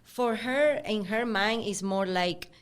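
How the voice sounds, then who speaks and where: A woman's voice: mid-range voice, slow, clean tone. A young woman from Venezuela with a Venezuelan accent, a podcast guest chatting casually and acting out quotes as she tells stories. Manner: animated storyteller acting out quotes, laughing often. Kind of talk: casual chat.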